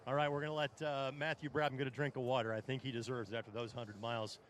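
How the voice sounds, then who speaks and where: A man's voice: medium pitch, flat delivery, quick pace, slight background noise. A male pit reporter doing a radio post-race interview in a complimentary way.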